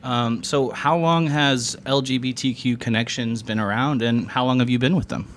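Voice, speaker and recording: A man's voice: mid-range voice, moderate pace, fairly bright tone, a little hiss or hum. A man hosting a brewery podcast, laid-back and jokey, with casual slang. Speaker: podcast host.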